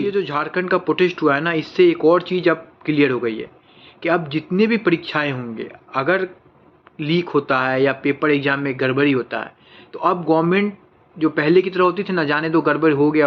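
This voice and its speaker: A man's voice: on the high side, muffled recording. A man giving casual, earnest news commentary, speaking straight to his viewers as friends.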